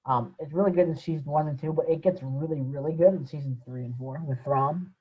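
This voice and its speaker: A man co-hosting a casual podcast, chatting loosely about a show with fillers and trailing off quietly. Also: a little high, a little fast, slightly rough, dull audio. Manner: relaxed fan talk with fillers, trailing off quietly. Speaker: podcast co-host. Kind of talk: casual chat.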